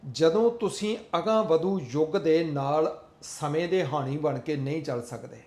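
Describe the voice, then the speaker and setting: A man's voice: fairly high pitch, a little slow, darkish tone, echoey room. A man giving an earnest motivational talk, repeating his points in a sermon-like way. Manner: earnest, repetitive, sermon-like delivery. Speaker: motivational speaker.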